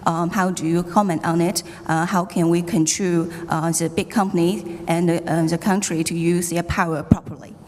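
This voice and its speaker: A woman's voice: fairly low pitch, fairly even intonation, moderate pace, few pauses, a little mellow. A woman whose first language is Chinese asks a hesitant question, full of fillers, from the conference floor. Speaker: audience questioner, scholar. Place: large conference hall. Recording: reverberant hall sound.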